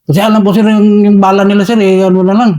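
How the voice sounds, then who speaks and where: High-voiced deferential Filipino soldier. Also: male voice, little pitch movement, quick pace, mellow. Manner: deferential, says "sir" after nearly every phrase. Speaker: soldier recounting a battle. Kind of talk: interview storytelling.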